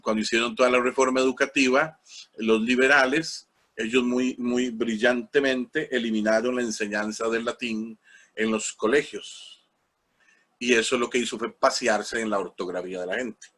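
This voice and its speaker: A man with a Costa Rican accent teaches a parish class in an easygoing lecture style. His voice sits at an ordinary middle pitch, and he explains patiently, pausing on fillers and spelling out terms letter by letter. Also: fairly even intonation, fairly bright tone. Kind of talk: informal lecture.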